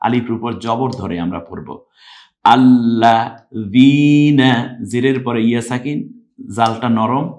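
A man teaching Quran recitation rules in Bengali-accented speech, explaining slowly and then chanting verses in long, louder phrases. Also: medium pitch. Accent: Bangladeshi Bengali. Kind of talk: step-by-step recitation lesson.

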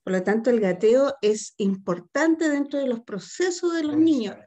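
A woman's voice: high-pitched, lively intonation, normal speed, mellow. A woman taking part in an online seminar, answering the speaker's question hesitantly, with many fillers. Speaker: seminar participant.

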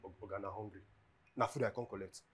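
An actor playing a timid houseboy who stammers and pleads in Nigerian Pidgin. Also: male voice, fairly low pitch, steady tone, quick pace, a bit bright, natural voice. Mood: nervous. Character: timid young male houseboy, fearful and fumbling.

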